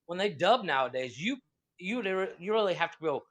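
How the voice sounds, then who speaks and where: A man co-hosts a podcast full of loose, casual banter, laughing and swearing freely over a loud crowd. His first language is Spanish. His voice is high and expressive, and he talks a little fast.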